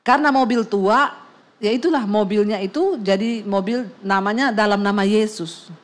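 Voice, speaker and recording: A woman's voice: medium pitch, moderate pace. A middle-aged woman pastor, preaching through a comic personal story and acting out voices and sounds. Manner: lively, acts out voices and sound effects, laughs often.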